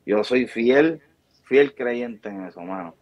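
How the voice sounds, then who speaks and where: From a small indoor room, a barbershop founder in his thirties, born in Puerto Rico and speaking with a Puerto Rican Spanish accent, is interviewed over video call. He takes it slowly at a medium pitch with a slightly mellow tone, yet his motivational message is emphatic and preachy, his hands in motion. His webcam sound has no room tone and is dull and lo-fi.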